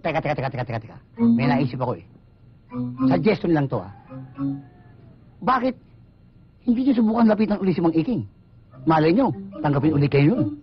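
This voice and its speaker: A man's voice: fairly high pitch, big pitch swings, brisk, long pauses, husky, highs cut off, soft background music. An actor in a comedy film playing a cheeky young man who jokes and talks back. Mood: joking.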